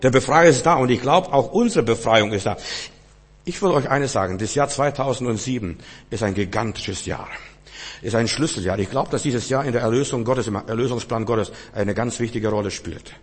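A man preaching a sermon, emphatic, swinging between loud exclamations and hushed asides. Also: mid-range voice, breathy edge. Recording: long reverb of a large hall.

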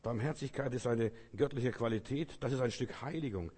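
Guy giving a homey sermon, kinda husky, lots of echo trailing off. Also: mid-range voice, a little fast, a little mellow. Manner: folksy, speaks directly to the listener as "du", repeats phrases. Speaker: preacher. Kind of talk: informal sermon. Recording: long reverb, as in a hall.

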